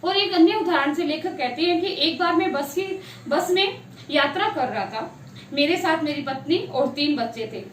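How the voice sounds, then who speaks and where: A woman's voice: sits high, lively intonation, normal speed, reverberant, distant mic, slight background noise. A woman teacher explaining a textbook lesson, retelling the story and stopping to gloss hard words. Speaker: Hindi teacher.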